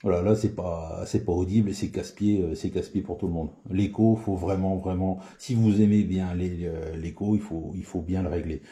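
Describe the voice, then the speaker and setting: This CB radio hobbyist has a deep, mellow voice with a steady tone, speaking at a moderate pace with hardly any pauses. He gives a casual spoken tutorial on radio settings, sounding hesitant and filling it with fillers and restarts.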